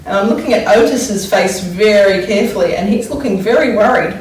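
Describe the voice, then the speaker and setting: Reading to young kids as a primary school teacher might, a woman with an average-pitched, darkish voice adds dramatic emphasis and pauses for deliberate, wondering explanations. The recording is distant and heavily echoey, with a faint noise underneath.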